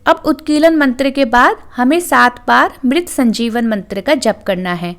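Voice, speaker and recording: A woman presenting a devotional channel, calmly explaining a ritual step by step in scripted narration. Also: fairly high pitch, measured pace.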